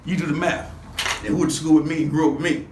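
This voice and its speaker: A man from Los Angeles in his sixties reminisces as an interview guest, talking fast in a flat delivery with his voice on the high side. He rambles in street slang with many restarts, recorded in an echoey room on a distant mic amid background noise.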